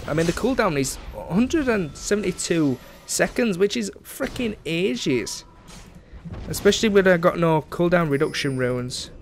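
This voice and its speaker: A man's voice: on the high side, expressive, normal speed, hardly any pauses, soft background music. A young man giving casual, chatty commentary over his own gameplay, sarcastic about his teammates and dropping frequent ums.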